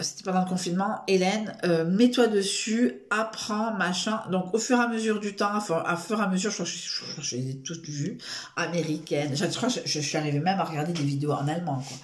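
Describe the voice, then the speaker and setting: A woman's voice: medium pitch, roomy sound. A woman chatting casually to camera in a rambling, self-mocking way, full of fillers and restarts. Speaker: vlogger.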